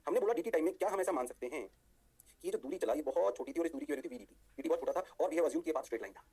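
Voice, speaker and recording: Fast-talking, lively physics teacher man. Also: a little high, slightly rough. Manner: lively, sing-song, answers his own questions. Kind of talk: online physics lecture.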